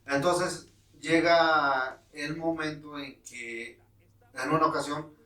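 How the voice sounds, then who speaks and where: A man in his fifties from Mexico, a guest telling in a relaxed way, with many fillers, how he became a referee. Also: on the high side, takes it slowly, roomy sound, distant mic, rough recording. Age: 50s. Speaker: guest, former futsal referee. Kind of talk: casual interview storytelling.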